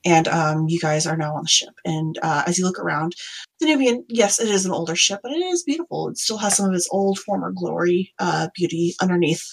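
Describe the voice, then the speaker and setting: A woman's voice: lowish voice, brisk, gravelly, a little hiss or hum, poor audio. A woman running a tabletop game as game master, narrating in a rambling, hesitant way full of fillers.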